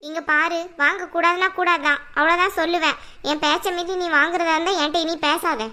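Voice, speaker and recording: A woman's voice: very high-pitched, steady tone, brisk, pushed and bright. A woman voicing a stern, domineering older mother-in-law who scolds and gives orders in a cartoon. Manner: scolding, commanding. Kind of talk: cartoon voice acting.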